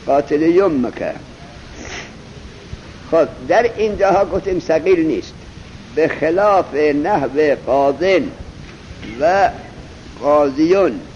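A man teaches a grammar class in a somewhat high voice, firing questions at his students and stretching out each example as he recites it. The recording is muffled and lo-fi, with a faint hiss underneath. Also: darkish tone. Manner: drills students with questions, slow emphatic recitation. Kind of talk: classroom lesson on Arabic grammar.

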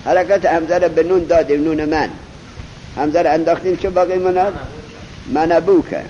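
A man teaches a classroom lesson on Arabic grammar in a somewhat high, warm voice with fairly even intonation. He drills his students with questions and recites each example slowly and emphatically, drawing it out. The recording is muffled and lo-fi, with a faint hiss underneath.

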